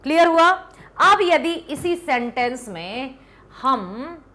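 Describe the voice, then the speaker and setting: A woman's voice: high voice, animated, slow, pushed and bright. A woman teacher giving an online lesson, explaining step by step and often checking whether the students have understood. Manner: explanatory, asks checking questions. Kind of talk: classroom-style online lesson.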